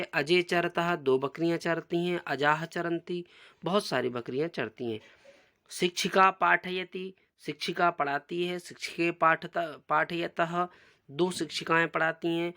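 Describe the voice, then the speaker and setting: A man teaching a school lesson, reading example sentences slowly and then explaining them step by step. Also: fairly high pitch, bright, forceful tone. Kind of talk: classroom lesson explaining a textbook.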